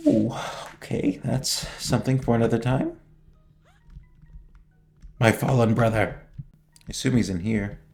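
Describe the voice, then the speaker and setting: A young man giving casual, slangy gameplay commentary, joking and reacting out loud as he plays. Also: medium pitch, measured pace, creaky, pauses often, soft background music. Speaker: gaming streamer.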